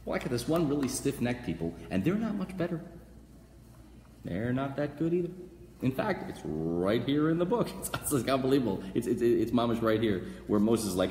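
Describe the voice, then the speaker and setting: A man in his thirties, a rabbi teaching a weekly class, animated and gesturing, bursting into loud acted voices. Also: mid-range voice, slight background noise. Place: small room before a banner backdrop, live class. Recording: echoey room with long reverb.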